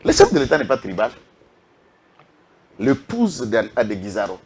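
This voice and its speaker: A man's voice: medium pitch, wildly swooping pitch, a little slow, darkish tone, slight background noise. A man with a Congolese French accent giving impassioned political commentary, emphatic and full of rhetorical questions. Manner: emphatic, rhetorical questions, lists names with a repeated "est qui?".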